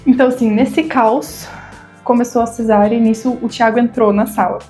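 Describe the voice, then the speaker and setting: A woman's voice: a little high, steady tone, normal speed, darkish tone, soft background music. A woman in her thirties with a Brazilian Portuguese accent, telling her own story to camera in a vlog, emotional and stammering at times, acting out the voices of the people she quotes. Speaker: vlogger.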